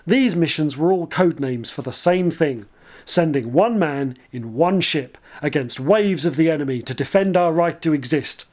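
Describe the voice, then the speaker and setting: A man's voice: a little high, expressive, normal speed, a little mellow. A man voicing an older, gung-ho male army commander who talks bluntly and confidently, in a dull lo-fi recording. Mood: determined.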